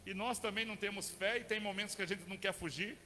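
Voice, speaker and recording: Fervent high-voiced Brazilian preacher in a hall. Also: male voice, fairly even intonation, fast. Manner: conversational, asks the congregation questions, builds to fervent shouting. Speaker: pastor. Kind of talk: sermon. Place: church. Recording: long church hall reverb with faint music.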